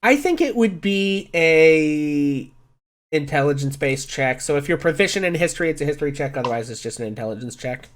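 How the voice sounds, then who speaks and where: A man's voice: a little high, lively intonation, fairly quick. A man acting as game master, casually explaining and narrating a tabletop game in a conversational way.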